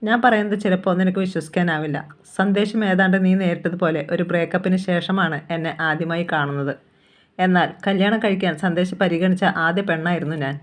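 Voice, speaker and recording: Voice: mid-range voice, fairly even intonation, a little fast, lightly acted. Narrator doing a teasing, caring young woman. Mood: confiding.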